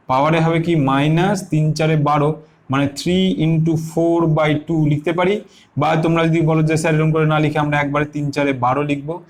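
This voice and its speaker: Patient Bengali maths teacher, fairly high voice. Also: male voice. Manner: patient, repeats each step slowly; asks and answers his own questions. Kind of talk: step-by-step classroom explanation.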